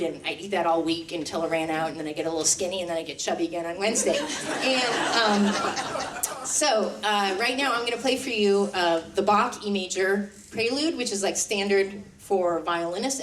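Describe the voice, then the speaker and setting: A woman's voice: mid-range voice, normal speed, a little hiss or hum. A woman violinist telling stories from her life in a live one-woman stage show, chatty and self-deprecating, with light laughs. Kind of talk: live stage storytelling monologue. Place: stage before a live audience. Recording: roomy hall, mic at a distance.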